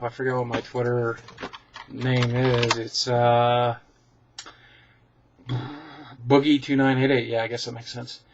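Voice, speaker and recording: A vlogger answers viewer questions in a casual, rambling Q and A, chatty, candid and self-deprecating, with lots of ums and restarts. His medium-pitched voice comes through dull webcam audio.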